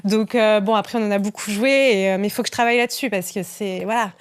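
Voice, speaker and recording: A woman in her thirties, a radio host, chatting in a lively interview with frequent laughs and restarts. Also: medium pitch, fast talker, clear, resonant tone. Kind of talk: casual interview chat.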